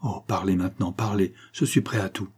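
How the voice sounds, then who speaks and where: A man's voice: low voice, steady tone, a little fast, a little mellow, breathy edge. A man reading the lines of a jealous, furious young Russian count in an audiobook, with vehement outbursts. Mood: tense.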